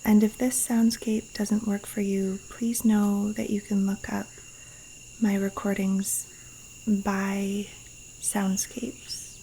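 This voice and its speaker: A yoga nidra guided meditation is led by a woman outdoors in a Costa Rican jungle, in a soothing, hushed and breathy voice with long pauses. Her pitch is medium and her delivery flat. The audio is poor, and faint rainforest insects, crickets and wildlife are audible.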